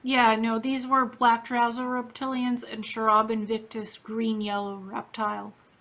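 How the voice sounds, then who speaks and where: A woman's voice: on the high side, little pitch movement, unhurried, fairly bright tone. A woman from Ukraine interviewing a guest in a casual, earnest, matter-of-fact way.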